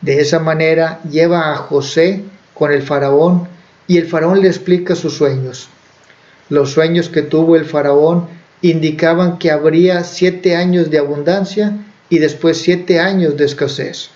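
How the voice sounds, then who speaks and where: A man's voice: fairly high pitch, fairly even intonation, unhurried, darkish tone. A man preaching, who retells a Bible story in a conversational way with fillers and self-corrections. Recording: dull lo-fi recording.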